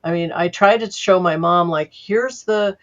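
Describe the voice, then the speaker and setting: A woman's voice: lowish voice, unhurried. Older lady chatting about her film work, lots of ums, kinda muffled lo-fi audio. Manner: chatty, full of fillers, acts out people in her anecdotes. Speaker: guest sound editor. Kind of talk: casual interview storytelling.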